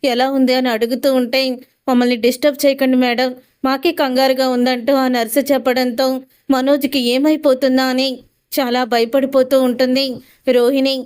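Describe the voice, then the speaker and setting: Narrating a TV serial episode, this woman reads out the characters' lines as quotes, repeatedly using the tag "ani antu untundi." She speaks at normal speed in a high-pitched, level tone that is smooth and darkish.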